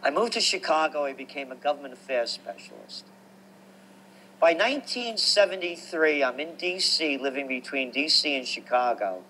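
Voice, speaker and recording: A man's voice: fairly high pitch, normal speed, slight background noise, poor audio. New man in his sixties reminiscing. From New York. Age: 60s. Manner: animated, reminiscing, emphatic. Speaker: guest. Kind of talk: conversational storytelling.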